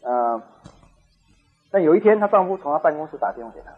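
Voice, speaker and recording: A male preacher tells a story in a lively, up-and-down voice that sits fairly high for a man. He acts out the dialogue and laughs along with it, and the recording sounds dull and lo-fi. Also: fast, slightly rough. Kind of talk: sermon storytelling.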